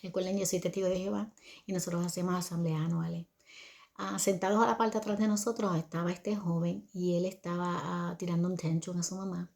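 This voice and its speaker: A woman's voice: on the low side, level tone, fairly quick, vocal fry, a little mellow. An older woman telling viewers a family story about raising her son, in a conversational manner that often checks in with listeners.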